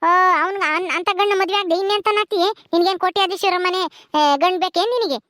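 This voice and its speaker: A woman's voice: very high-pitched, fairly even intonation, fast talker, dry recording, studio quality. A woman playing scolding village matriarch Kalamma. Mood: bossy. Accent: rural Karnataka Kannada. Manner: scolding, nagging, sharp-tongued. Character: bossy, short-tempered village mistress of a house. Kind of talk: homemade village drama.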